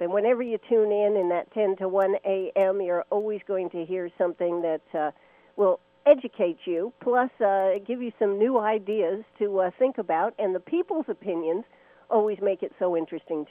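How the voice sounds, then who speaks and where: A woman's voice: medium pitch, moderate pace, dry recording. A woman interviewing a radio host, friendly and admiring, who often restarts her sentences. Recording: phone-like narrow band.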